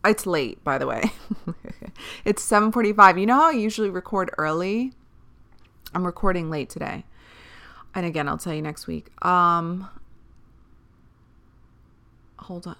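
A woman's voice: on the low side, normal speed, gravelly, long pauses, pushed and bright. A woman hosting a podcast solo, chatting casually in a rambling, candid way with the odd swear word. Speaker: podcast host.

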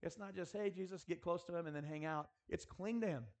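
A man's high voice, darkish in tone and fairly quick, carries an earnest school chapel sermon. He speaks straight to his listeners and exhorts them, posing rhetorical questions and praying.

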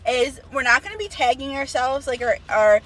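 A woman's voice: high voice, animated, moderate pace, far from the mic, noisy background. Young woman telling stories. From Long Island, New York. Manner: storytelling, heavy use of "like". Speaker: podcast co-host. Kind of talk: casual chat.

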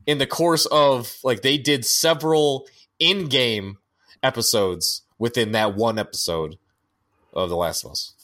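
Brief: male podcast co-host, mid-pitch, loose rambling delivery, filler-heavy, casual cursing. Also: measured pace, bright, forceful tone. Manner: rambling, many fillers and restarts, swears casually; firearms-nerd critiques. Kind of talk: casual chat.

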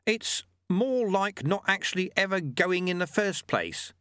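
A man's voice: high-pitched, lively intonation, unhurried, bright, forceful tone, clean tone, no echo, clean studio sound, voice pushed up, exaggerated voice. A man voicing an old, wry male monk who lectures in an offhand, chatty way.

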